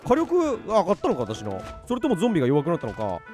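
Male game streamer, high and lively delivery, swings from mumbling to yelping, game music underneath. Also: very fast. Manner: animated, talks to himself, jumps from muttering to excited outbursts. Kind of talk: let's play commentary.

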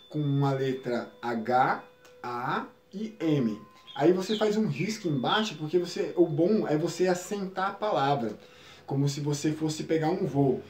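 Man, spiritual teacher on a live stream, mellow slightly high voice, calm explanatory delivery, roomy echo. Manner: calm, explanatory, frequent tag questions.

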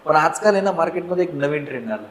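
A man hosting a casual conversation, telling stories in a relaxed, agreeable way. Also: fairly high pitch, fast. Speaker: host. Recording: echoey room with faint background noise.

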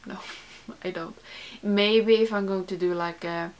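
Answering a tag, this young non-native English-speaking beauty YouTuber talks casually to camera in a small room filled with makeup shelves. Her mid-range voice is fairly even in intonation and measured in pace, and she rambles, self-corrects and often says "like."

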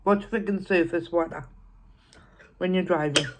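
A woman's voice: on the low side, fairly even intonation, normal speed. A young woman, chatting casually while eating on camera and repeating herself as she rambles. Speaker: food vlogger. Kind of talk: casual mukbang chat.

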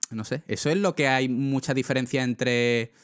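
A man's voice: medium pitch, fairly even intonation, moderate pace, smooth, dry recording, clean studio sound. A young man with a Spanish accent chatting casually on a livestream, rambling with lots of fillers and talking straight to his chat. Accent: Spain. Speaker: streamer.

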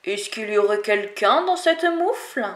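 Une femme fait la voix d'un loup gris transi qui insiste pour entrer. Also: female voice, fairly high pitch, expressive, unhurried, reverberant. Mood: pleading. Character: big grey wolf, frozen and pleading.

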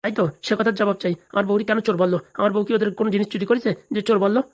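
A woman's voice: mid-range voice, fairly even intonation, very fast, natural voice. A woman voicing quarrelling village family members in a cartoon, indignant and argumentative. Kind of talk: cartoon voice acting.

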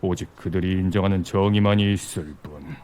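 An actor playing a composed, persuasive otherworldly envoy in a video game, speaking formally and gravely. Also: male voice, low-pitched, fairly quick, darkish tone, a little hiss or hum, lightly acted. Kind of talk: dramatic game voice acting.

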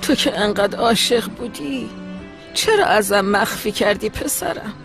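A woman's voice: medium pitch, expressive, creaky. An actress dubbing a tender older grandmother consoling her grandson, in a TV drama dub. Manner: tender, soothing. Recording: dubbed voice over loud music.

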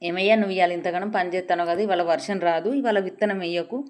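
A woman's voice: on the low side, fast talker, lightly acted. Indra, a bossy sky god, told by a woman. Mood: commanding. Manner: emphatic, repeats his orders.

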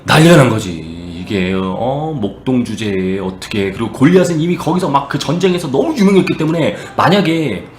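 A man casually retelling a Bible story to a live chat, animated and slipping into character voices. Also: mid-range voice, fairly quick, hardly any pauses, roomy sound, slight background noise.

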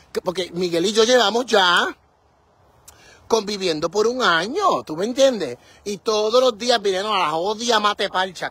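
A man's voice: high voice, fairly bright tone, breathy edge, no room sound. Dramatic, exclaiming man. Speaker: vlogger. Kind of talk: casual garden vlog. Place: outdoor yard with fruit trees.

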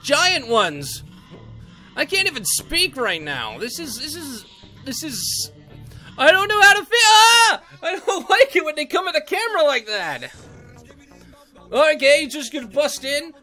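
A man voicing a brash young male cartoon hedgehog in a character reaction video, excitable and jumpy, cheering and yelping at the screen. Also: extremely high pitch, heavily acted. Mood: spooked.

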